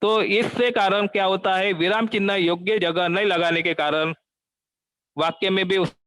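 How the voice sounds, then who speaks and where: A male teacher working through an exam grammar lesson, asking questions and answering them himself, repeating the key terms slowly and deliberately. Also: sits high, steady tone, a bit bright, no room sound, low-quality recording.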